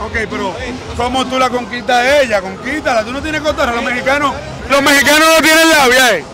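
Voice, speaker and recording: A man's voice: very high voice, fairly quick. A man conducting a pushy, teasing street interview outdoors at night. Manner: pushy and teasing, bossy prompts. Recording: loud music and crowd noise.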